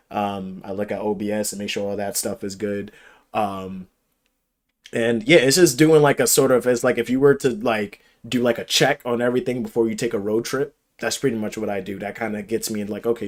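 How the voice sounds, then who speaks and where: Low-voiced man rambling about streaming. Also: normal speed. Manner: rambling, thoughtful, many fillers. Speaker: streamer guest. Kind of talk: casual podcast interview.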